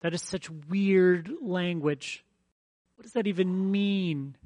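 A man's voice: sits high, steady tone, takes it slowly, a little mellow, no room sound. A man preaching a conversational sermon as pastor, emphatic and fond of repeating his phrases.

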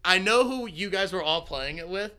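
A man co-hosting a podcast in casual chat, telling rambling, profane stories with quick asides. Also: high voice, expressive, crowd noise. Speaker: podcast co-host.

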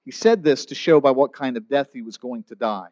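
A man's voice: mid-range voice, brisk, a little mellow, no echo. Conversational preaching man, dry dull sound. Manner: conversational preaching, acts out quoted voices. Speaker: pastor. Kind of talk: sermon.

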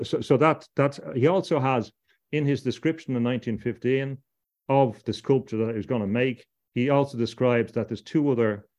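A middle-aged man from Ireland speaks as a podcast guest in a mid-pitched voice, wandering from point to point and stumbling over repeated words as he restarts his sentences. The audio comes through dull and lo-fi. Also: a little mellow. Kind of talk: discursive interview talk.

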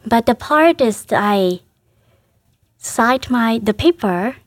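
Gentle and earnest, a Vietnamese-accented religious sister, native to Vietnam, gives an emotional personal reflection during an interview, restarting often and laughing softly. Her fairly high voice is animated yet slow. The recording has studio quality and no room sound.

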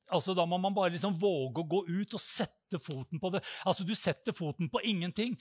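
A man preaching a sermon, telling stories and acting out prayers with loud, high-pitched cries. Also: no echo, studio quality.

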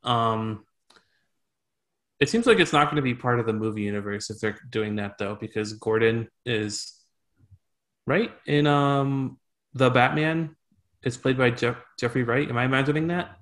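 A man hosting a loose podcast chat at an ordinary middle pitch. He talks in a relaxed way and often lets his sentences trail off into quiet mumbles. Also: normal speed. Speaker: podcast host. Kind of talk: casual chat.

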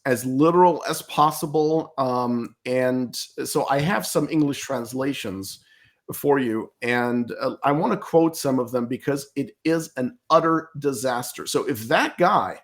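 An emphatic, argumentative man with a medium-pitched voice delivers interview commentary as a guest. His first language is German, and he tends to repeat words as he gropes for his phrasing.

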